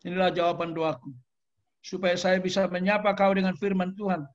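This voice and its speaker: A man's voice: high voice, level tone, normal speed. A man preaching a sermon as pastor, emotional and exclamatory, addressing the audience directly. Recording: dull lo-fi sound.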